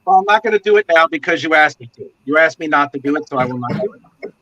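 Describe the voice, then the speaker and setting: A man's voice: fairly high pitch, expressive, quick pace, sharp tone, a little hiss or hum. Blunt, teasing man on a live stream. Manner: blunt, teasing, swears freely. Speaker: guest comic artist. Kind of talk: casual chat on a live stream. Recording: dull lo-fi stream audio.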